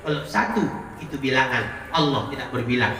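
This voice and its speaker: A man's voice: medium pitch, a little fast. A man preaching a sermon in a mosque, telling stories and acting out voices, with a local lilt. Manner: storytelling, acting out dialogue with animated voices. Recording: echoey hall, voice from far off.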